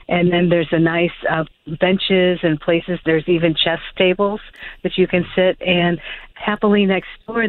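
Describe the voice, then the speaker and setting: Calling in to a radio program, this woman author chats hesitantly in a phone interview, restarting often and using many fillers. She has a lowish voice, there's no room sound, and the telephone audio comes through tinny.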